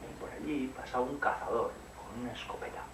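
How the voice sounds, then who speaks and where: A man working as a psychomotor therapist, gently telling a story and playing with a child, often asking questions. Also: medium pitch, fast talker. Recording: roomy room, distant mic, noisy.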